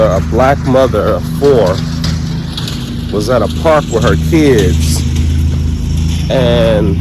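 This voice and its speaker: An American man from Detroit talking casually and colloquially while walking outdoors, vlogging in a laid-back way. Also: mid-range voice. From Detroit, United States. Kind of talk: casual walking vlog talk. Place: outdoors in a residential neighborhood. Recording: loud outdoor noise, passing vehicles, mower. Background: traffic and lawnmower noise.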